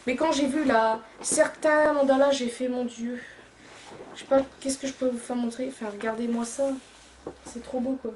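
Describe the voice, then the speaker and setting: A young woman with a fairly high voice, chatting and gushing about her shopping haul, full of fillers and happy repetitions. Her voice rings in an echoey room, with a faint hum behind it. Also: fairly even intonation, normal speed. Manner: chatty and gushing, repeats "j'adore", many fillers. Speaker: YouTuber. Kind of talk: casual haul vlog.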